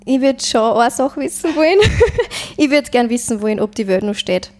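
A woman's voice: fairly high pitch, expressive, moderate pace, darkish tone. A woman with an Upper Austrian accent, a musician talking thoughtfully in a casual interview, searching for words. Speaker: musician guest.

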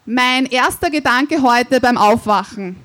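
A woman hosting a live podcast on stage, asking quick playful questions. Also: a little high, a bit bright. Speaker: podcast host. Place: outdoor stage at a live event.

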